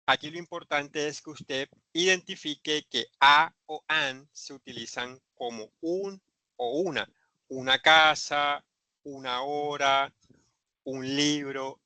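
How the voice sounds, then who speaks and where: Slow, crisp-voiced male teacher. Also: a little high, bright, forceful tone, no room sound. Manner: patient, repeats and spells out examples. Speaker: English teacher. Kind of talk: classroom grammar lesson.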